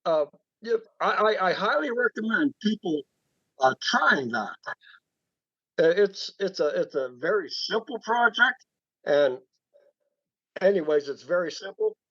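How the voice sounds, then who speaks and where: A man speaking over a conference call from his cell phone, halting and repeating words as he explains a woodturning project. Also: sits high, very animated, pushed and bright, slightly rough, no echo. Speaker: woodturning club member showing his work. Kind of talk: casual chat on a group call. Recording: dull dry phone-call audio.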